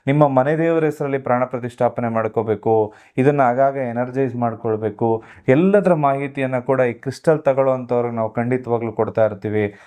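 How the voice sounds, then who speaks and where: A man's voice: mid-range voice, a little mellow. A man, an astrologer guest giving earnest, instructive advice on remedies in an interview. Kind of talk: advisory explanation of remedies.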